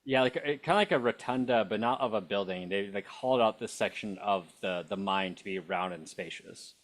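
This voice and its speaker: A man acting as dungeon master of a tabletop game, narrating and chatting with players, often stopping to search for words. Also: lowish voice. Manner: halting, searching for words with many fillers.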